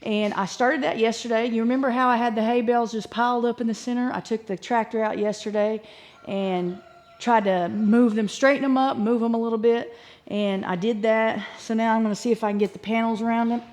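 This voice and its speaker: A woman's voice: on the high side, fairly even intonation, a little fast, darkish tone. A woman with a chats casually and folksily outdoors, meandering as she thinks aloud in a homestead vlog. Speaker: homesteading vlogger. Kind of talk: casual rambling vlog chat. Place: outdoors on a farm.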